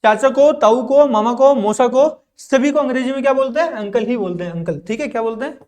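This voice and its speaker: A man's voice: very high voice, fast talker, darkish tone. Male teacher running a repetitive vocabulary drill, asking questions and answering them himself. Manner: drills and repeats with frequent "theek hai". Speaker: English teacher. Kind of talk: classroom lesson in Hindi.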